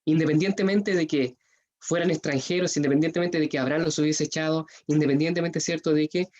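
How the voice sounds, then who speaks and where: A man with a Chilean accent preaching a sermon, earnest, rising in pitch and force when he appeals to parents. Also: fairly even intonation, fairly quick, darkish tone, lo-fi sound.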